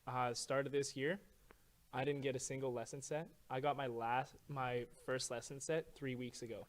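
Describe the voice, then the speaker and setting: A man's voice: medium pitch, fairly even intonation, normal speed. Young man rambling through a casual story. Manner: rambling storyteller, many fillers and restarts. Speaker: podcast guest, lifeguard and swim instructor. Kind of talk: casual podcast chat.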